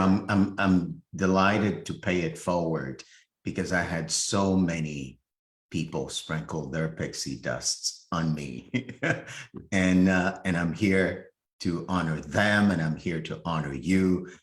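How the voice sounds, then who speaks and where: A man from Haiti, a coach invited as a guest, telling a childhood story in a slow, reflective way with restarts. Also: deep voice, echoey room. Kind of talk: conversational storytelling.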